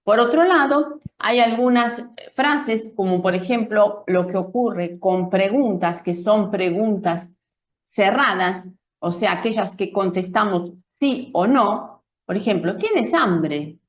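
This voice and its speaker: A woman teaching a pronunciation lesson, explaining slowly and carefully with spoken demonstrations. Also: medium pitch, reverberant. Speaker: Spanish teacher.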